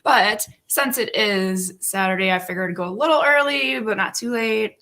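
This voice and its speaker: A woman in her thirties with a rough morning voice, chatting casually and earnestly on a live stream. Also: medium pitch, normal speed, sharp tone. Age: 30s. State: morning frog voice. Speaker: livestream host.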